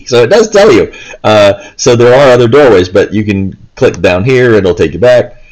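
Over faint game music, a male gameplay host with a mid-range, slightly mellow and expressive voice walks through the game step by step at normal speed, in a loose, rambling commentary. The recording quality is rough.

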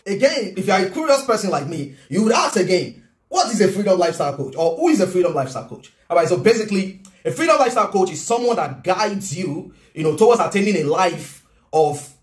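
A Nigerian-accented vlogger and business coach in his thirties talks to camera from his home kitchen, casual and earnest, animated and gesturing a lot. His voice is high and fast, with roomy echo in the recording.

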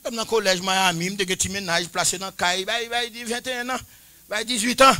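A man in his forties preaching a sermon, chanting and shouting at the peaks and dropping to quiet, confiding talk between them. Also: high-pitched, fairly even intonation, quick pace, no room sound. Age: 40s. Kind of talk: Pentecostal-style sermon.

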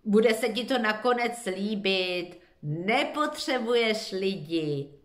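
A woman's voice: mid-range voice, expressive, roomy sound, natural voice. A woman doing a sly, brash fox. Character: sly forest fox, blunt and predatory.

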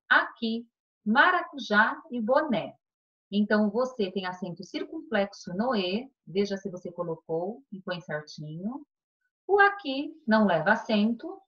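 A woman's voice: medium pitch, a bit bright. Sing-song Brazilian woman teacher, lo-fi. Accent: Brazilian Portuguese. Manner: cheerful, sing-song, stretches key words. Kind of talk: recorded online class.

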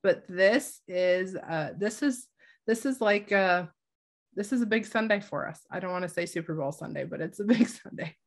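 A woman's voice: medium pitch, moderate pace. A woman with a stuffy, nasal voice from a cold, hosting a casual church Bible study and leading prayer. She talks cheerfully and laughs easily.

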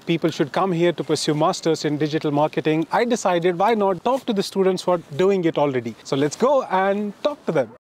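A man's voice: a little high, lively intonation, a little fast, hardly any pauses, a little mellow. Man interviewing students outdoors. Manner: friendly, conversational questions. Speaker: host, interviewer. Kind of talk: street interview. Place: outdoors in a large open park.

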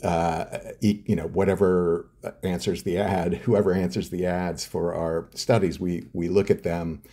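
A middle-aged man, a neuroscientist guest on an interview, speaks in a deep, mellow, husky voice with a level tone and measured pace. His step-by-step explanations are peppered with hesitant fillers and restarts.

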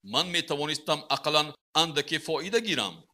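A man's voice: fairly high pitch, expressive, pushed and bright, voice pushed up, full character voice. A man voicing a stern king who scolds and commands his servants in a read-aloud story. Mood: scolding. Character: stern angry male king judging servants.

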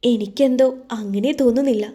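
A woman voicing a gentle, grieving young wife in an audio story, speaking softly and hesitantly. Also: a little high, a little fast, slightly rough. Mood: hurt, pleading.

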